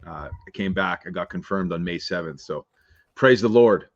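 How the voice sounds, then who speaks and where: A man's voice: sits low, normal speed, no room sound, lo-fi sound. A man talking as a podcast guest in a casual interview, earnest and laid-back with many fillers.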